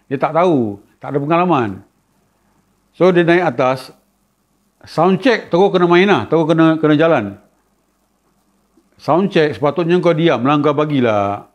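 A man with a Malaysian Malay accent, casually telling a funny story about a gig. He laughs often and acts out a shrill scream. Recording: dull lo-fi sound.

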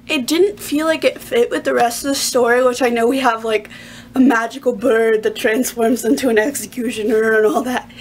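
A woman's voice: fairly high pitch, slight background noise. A young woman reviewing a book for her vlog, chatty and gushing, laughing often and filling gaps with "like".

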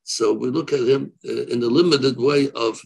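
A man in his seventies, a rabbi answering questions off the cuff on a video call, haltingly repeating and rephrasing as he weighs both sides. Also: medium pitch, fairly even intonation, vocal fry, slight background noise, poor audio. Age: 70s. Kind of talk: unscripted religious question-and-answer. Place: room, seated on a video call. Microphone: video call microphone.

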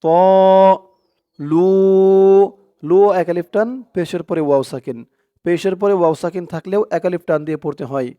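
A man with a high, smooth, resonant voice leads a Quran reading lesson. He chants each word slowly and loudly, then drops into soft, rapid explanation of the rules. The sound is dry and close, with no room echo. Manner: chants Arabic slowly and louder, explains rules quickly and softly. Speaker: Quran recitation teacher.

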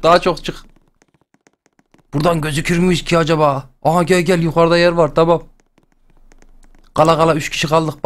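A young man hosting a game channel, chatting and joking excitedly as he plays. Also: a little high. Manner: chatty, excitable, jokes and exclamations. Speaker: gaming channel host. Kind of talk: playful let's-play commentary.

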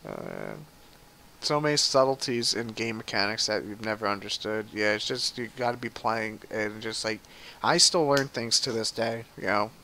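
A man's voice: fairly low pitch, very animated, normal speed, bright, forceful tone, slight background noise. Chatty, profane man streaming a game. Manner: chatty, profane, reads chat aloud. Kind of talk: casual live gameplay commentary.

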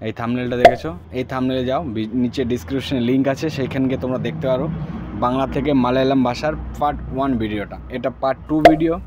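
A man giving a casual video language lesson, saying each practice phrase slowly and repeating it several times. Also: medium pitch, highs cut off, background noise. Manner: slow, drawn-out repetition of practice phrases. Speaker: language teacher.

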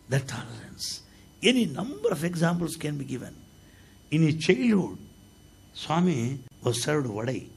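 An older man with an Indian accent gives a devotional talk, telling stories with good humor. His voice is gravelly and very raspy, sitting a little high. His pitch swoops in animated waves. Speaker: spiritual speaker.

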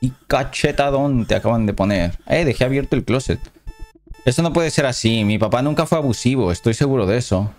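A gameplay commentator records a let's play of a horror game, reading its dialogue aloud between casual reactions. He speaks a little fast in an expressive, medium-pitched voice with a darkish tone, over faint background music.

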